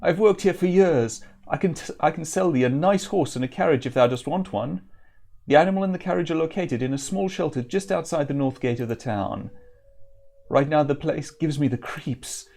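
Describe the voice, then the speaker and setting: Man doing a higher-pitched nervous stable caretaker. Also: moderate pace, gravelly, darkish tone. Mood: nervous, earnest. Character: frightened male stable caretaker, simple working man.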